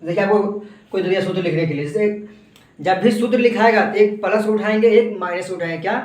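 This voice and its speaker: A man with a fairly high voice delivers a chemistry lesson, walking through examples one step at a time. He keeps firing rhetorical questions at his students and answering them himself. The mic sits away from him in a roomy, echoing space. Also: brisk. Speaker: chemistry teacher. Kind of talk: classroom lecture. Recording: echoey room, voice from a distance.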